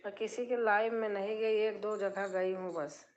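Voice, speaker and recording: Speaking at a normal pace in a mid-range, fairly even voice, a middle-aged woman keeps things quiet as she live streams from her drawing room. She chats casually and reads out viewers' comments in a soft tone.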